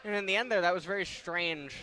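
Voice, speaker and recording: High-voiced analytical male esports caster. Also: fast, bright, forceful tone. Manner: analytical, breaking down replays. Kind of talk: color commentary.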